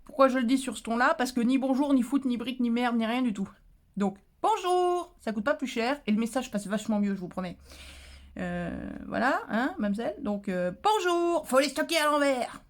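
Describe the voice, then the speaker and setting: A woman vlogger chatting casually about crafting, talkative and lively, with many fillers, restarts and playful indignant asides. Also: fairly high pitch, brisk.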